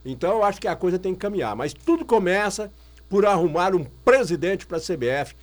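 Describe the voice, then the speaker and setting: A man's voice: high-pitched, expressive, fairly quick. A man from Brazil talking football on the radio as a guest, emphatic and opinionated, repeating his points. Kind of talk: casual radio chat.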